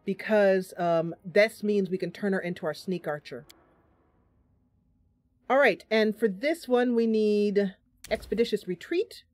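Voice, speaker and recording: This woman, host of a game stream, has a medium-pitched voice and a measured pace, recorded with no room sound. She talks casually with viewers, commenting live and thinking out loud through her choices.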